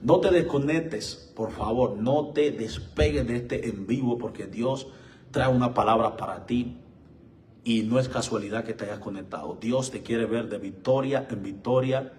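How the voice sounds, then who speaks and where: A man preaching a live-streamed sermon, slow and emphatic, his voice swelling as he reads scripture and repeatedly addressing listeners as brothers and friends. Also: medium pitch, a little mellow, a little hiss or hum. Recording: echoey room, mic far off.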